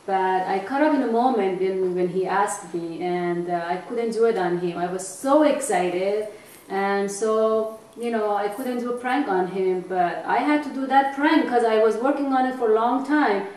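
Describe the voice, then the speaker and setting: A woman's voice: mid-range voice, normal speed, a little mellow. A middle-aged woman telling a family story in a chatty way, with many fillers and restarts. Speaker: interviewee, bride's mother. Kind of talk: casual storytelling. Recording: echoey room, mic far off, faint noise.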